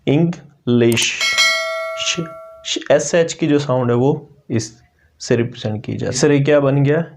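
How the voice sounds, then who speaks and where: A man teaching English pronunciation, slowly repeating each word so learners can copy it. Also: mid-range voice, creaky, darkish tone, a little hiss or hum. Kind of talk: pronunciation lesson.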